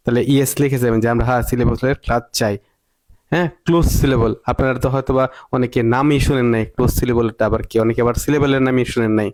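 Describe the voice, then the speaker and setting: A man's voice: mid-range voice, a little mellow. A man teaching an online English reading lesson, repeating rules, quizzing the viewer and scolding critics.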